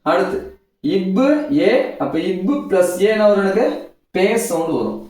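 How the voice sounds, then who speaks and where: In a classroom-style phonics lesson, a man drills English pronunciation through repetitive call-and-answer. His voice is high and somewhat dark, at a normal pace, and it sounds distant in a very echoey room.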